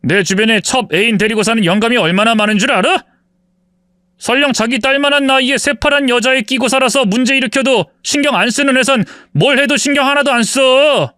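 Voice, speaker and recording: A man's voice: very high voice, bright, forceful tone, no echo, studio quality, heavily acted. A man voicing an arrogant husband in his forties who mocks his wife and justifies his cheating. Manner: contemptuous, mocking, self-justifying. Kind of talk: dramatized story reading.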